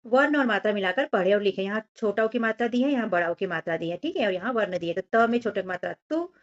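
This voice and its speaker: A patient woman teacher walks young children through a workbook, stretching out each syllable slowly and explaining in plain, simple words. Her voice sits at an ordinary middle pitch. The recording is a little dull and muffled. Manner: slow, drawn-out syllable-by-syllable reading. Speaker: primary school teacher.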